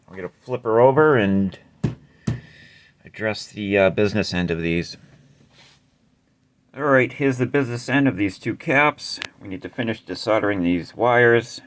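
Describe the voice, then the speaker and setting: A man hosting a casual repair tutorial, explaining step by step in a laid-back way with some mild cursing. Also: lowish voice. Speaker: amplifier repair host.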